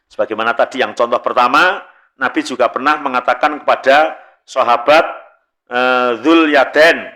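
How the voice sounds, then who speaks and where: A man's voice: mid-range voice, sharp tone. Joking Javanese-accented preacher man. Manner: chatty and joking, slips into Javanese, laughs often. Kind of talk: religious study talk.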